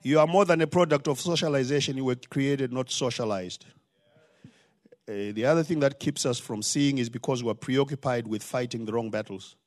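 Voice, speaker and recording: With a medium-pitched voice at a moderate pace, an older pastor from Zimbabwe delivers a sermon in his Zimbabwean accent. His style is forceful, climbing toward rising exclamations.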